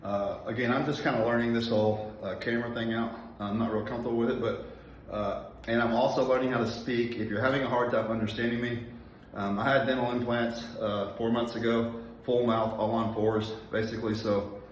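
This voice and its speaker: A man's voice: medium pitch, steady tone, a little fast, a little hiss or hum. A man in his forties talking casually between workout sets, out of breath and enunciating carefully with many fillers. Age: 40s. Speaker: personal trainer. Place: gym, indoors. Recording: echoey, distant, dull gym recording.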